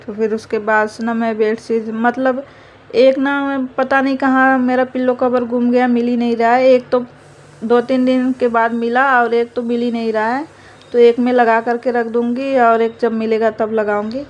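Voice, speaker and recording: A woman's voice: fairly high pitch, little pitch movement, normal speed, highs cut off. A young woman narrating her household chores in a chatty, rambling home vlog. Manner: chatty, rambling, fillers of "matlab". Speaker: vlogger, mother.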